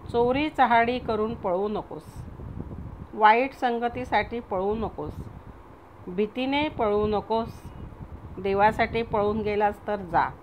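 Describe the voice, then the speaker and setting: A woman reading a gentle mother comforting her young son in a storybook tale, her tone tender and soothing. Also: mid-range voice, slow pace, pauses often, a little hiss or hum, close to an everyday voice, poor audio.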